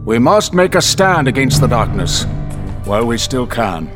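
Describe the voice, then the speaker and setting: A man's voice: medium pitch, very animated, normal speed, over music, lightly acted. A man playing an earnest, urgent royal adviser and warrior in an audio drama, formal and insistent. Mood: grave, urgent.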